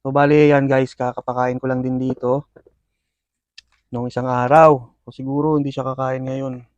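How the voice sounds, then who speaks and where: A scorpion-keeping video host chats with his audience as he feeds his pets, calling the action with excitement and lots of filler words. He has a medium-pitched voice at a moderate pace, and the audio is dull with no echo.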